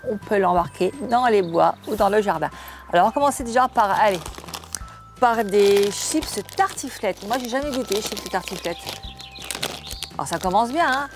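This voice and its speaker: A woman's voice: medium pitch, fairly quick, faint music behind. An older woman hosting a home cooking channel, chatting casually and homely to the camera as she unboxes food, often restarting her words.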